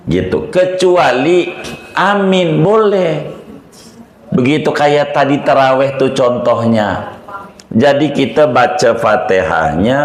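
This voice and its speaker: Slow, low-voiced cleric in an echoey hall. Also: male voice. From Banten, Indonesia. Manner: jokey, chatty, repeats "begitu", chuckles often. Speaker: Islamic cleric teaching a study group. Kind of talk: informal religious lesson. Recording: roomy hall recording with crowd.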